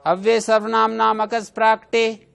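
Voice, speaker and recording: A man's voice: high voice, level tone, measured pace, vocal fry, a bit bright, clear, resonant tone. A man teaching a Sanskrit grammar class, explaining rules with everyday examples and putting questions to his students.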